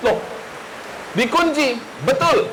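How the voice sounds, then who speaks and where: A man's voice: very high voice, slow, sharp tone, slight background noise, rough recording. A man preaching a sermon who speaks straight to his listeners, asks them questions and repeats his key phrases. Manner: addresses the audience directly, asks rhetorical questions, repeats phrases. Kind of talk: sermon with storytelling.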